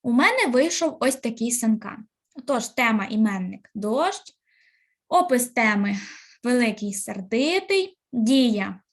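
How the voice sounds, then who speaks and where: A woman teacher, giving a recorded literature lesson with slow, clear instructions and pauses. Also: a little high, animated.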